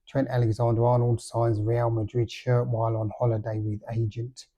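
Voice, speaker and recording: A man's voice: mid-range voice, little pitch movement, normal speed, warm tone, lo-fi sound. A middle-aged man hosting a casual solo football podcast, hesitant with many fillers and dry, understated remarks. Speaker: podcast host.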